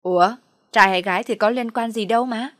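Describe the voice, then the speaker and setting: A snappy, scornful young wife, spoiled and quick with a barb, as a woman reads her aloud. The delivery is dry and close, with no room around it, and sits at an ordinary pitch for a woman. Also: a bit bright, no room sound, natural voice. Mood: coaxing. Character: sharp-tongued spoiled pregnant young wife.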